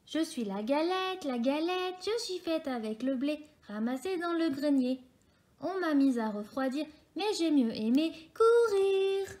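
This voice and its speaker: A woman voicing a proud little runaway pancake who sings a slow, teasing song in a storybook reading. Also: extremely high pitch, pitched above the performer's own voice. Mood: singsong teasing.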